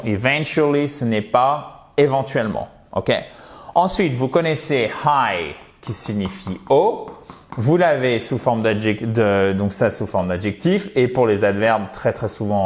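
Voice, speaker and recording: Guy from france teaching english online, takes it slow, repeats every word so you get it, mid pitch. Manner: patient, repeats words slowly for pronunciation; addresses viewers as dear friends. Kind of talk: online language lesson.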